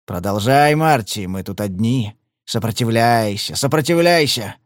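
A man's voice: mid-range voice, lively intonation, measured pace, dry recording, studio quality, close to an everyday voice. A male reader voicing a blunt, scarred thug who growls his threats. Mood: gruff. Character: thuggish, scarred male brawler, blunt and menacing.

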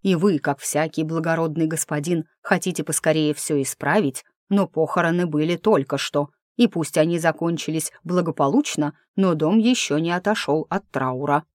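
A woman's voice: sits low, normal speed, hardly any pauses, a little mellow, no room sound, clean studio sound, lightly acted. Woman reading as a nervous hesitant old-world priest. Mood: placating. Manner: hesitant, placating. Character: flustered male village priest, nervous and hesitant.

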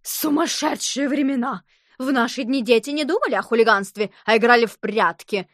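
A woman's voice: a little high, brisk, a bit bright, dry recording, clean studio sound, lightly acted. A woman voicing a scandalized older woman in curlers who moralizes about today's children.

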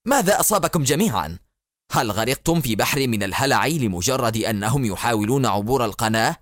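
A man voicing an arrogant, angry male enemy officer, speaking sharply, loudly and impatiently. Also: mid-range voice, animated, quick pace, no room sound, studio quality, natural voice.

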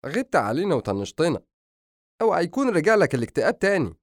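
Give me a man playing a joking, good-natured brother in an Egyptian audiobook. His voice sits a little raised and bounces around, and he talks fast. It is recorded dry and close. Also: on the high side, no room sound, voice pushed up. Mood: playful. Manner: lively, joking. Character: playful joking young man, warm brother.

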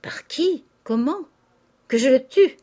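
A woman's voice: a little high, moderate pace, a little mellow, lightly acted. A woman reading aloud, voicing a grief-stricken old father who erupts in anguished rage. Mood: furious. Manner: anguished outbursts of rage and despair. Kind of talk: audiobook character reading.

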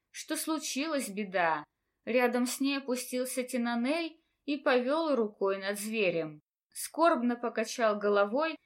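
Woman, audiobook narrator, steady storytelling, slightly high voice. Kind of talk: scripted narration.

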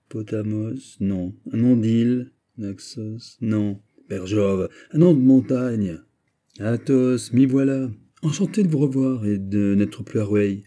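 Un homme qui lit à voix haute et joue un vieux cardinal rusé au ton bref et querelleur. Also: male voice, fairly low pitch, warm tone, natural voice. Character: vieux cardinal ministre, rusé, irritable, ironique.

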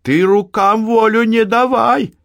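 Male reader playing a sharp-tongued young wife, raised pitch, lively, dry close sound. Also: unhurried, no room sound. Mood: defiant. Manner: sharp, mocking retorts. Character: defiant young married peasant woman, sharp-tongued. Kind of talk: audiobook reading.

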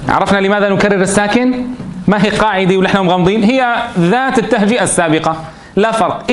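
A middle-aged man teaching a classroom phonics lesson. He spells syllables aloud in a slow sing-song and explains quickly in between. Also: high-pitched. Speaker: Quran reading teacher.

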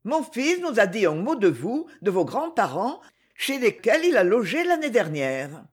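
A woman's voice: on the high side, big pitch swings, measured pace, husky, full character voice. A woman reading aloud voices a wealthy older aristocratic lady who speaks with banal, slightly condescending politeness. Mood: polite condescending.

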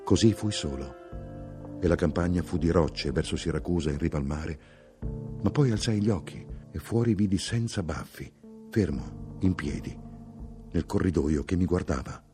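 A man giving a measured, expressive literary audiobook reading. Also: low-pitched, over music. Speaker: audiobook narrator.

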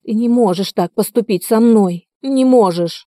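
A woman's voice: fairly even intonation, a little slow, warm tone, dry recording, studio quality, lightly acted. A woman voicing an unhinged middle-aged woman in an audiobook, screeching and clinging. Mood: pleading. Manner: shrill, screeching.

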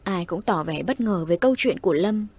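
A woman narrating a horror audio story in a steady, suspenseful way. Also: lowish voice, fairly quick, slightly rough.

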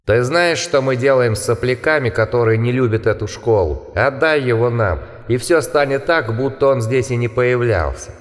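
A man reading an audiobook, voicing a sneering monstrous creature that poses as a schoolboy and shouts taunts. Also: mid-range voice, normal speed, few pauses, in a large hall, close to an everyday voice. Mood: taunting. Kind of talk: audiobook character voice.

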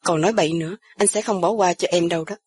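A woman's voice: lowish voice, measured pace, darkish tone, breathy edge. A woman doing a curt, irritable young man. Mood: irritated. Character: young man, irritable and hot-tempered friend.

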